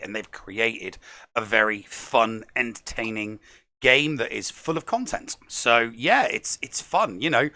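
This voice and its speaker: Guy hosting a gaming podcast, gravelly but bright, emphatic chatty talk, dry close sound. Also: medium pitch, no room sound. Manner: emphatic, repeats words. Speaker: podcast co-host. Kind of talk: upbeat gaming podcast chat.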